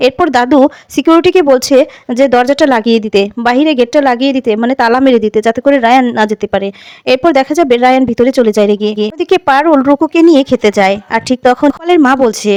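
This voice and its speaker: A woman narrating a plot recap in a quick, running way, lightly acting out the characters' lines. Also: high-pitched, a little mellow, smooth, no echo. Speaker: story narrator. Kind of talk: retelling a serial's plot with voiced dialogue.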